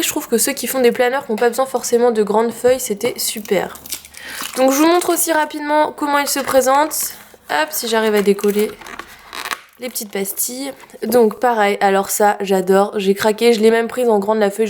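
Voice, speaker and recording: A woman's voice: a little high, fairly even intonation, fairly quick, darkish tone, a little hiss or hum. Chatty French woman vlogger. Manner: chatty, many fillers, upbeat. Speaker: craft vlogger. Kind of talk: casual haul video.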